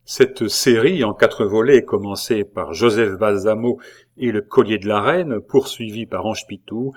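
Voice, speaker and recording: A man reading a novel aloud as an audiobook narrator, with measured, dramatic delivery. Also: lowish voice. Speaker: audiobook reader. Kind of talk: scripted narration.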